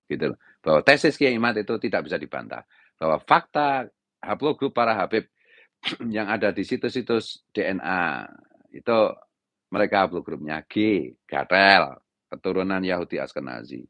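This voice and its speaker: A middle-aged man with a Javanese accent, an Islamic preacher delivering an impassioned monologue in a harsh, raised-pitch scolding tone, often tagging lines with a filler phrase. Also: a bit bright, no echo. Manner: repeats "gitu loh" as a tag. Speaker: Islamic preacher giving commentary.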